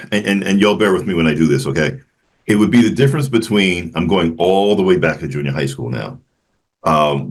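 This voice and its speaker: A man from Memphis, a jazz flutist talking reflectively as an interview guest, often restarting his sentences. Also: fairly low pitch. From Memphis, Tennessee. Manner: reflective, halting with frequent restarts. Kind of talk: casual interview conversation.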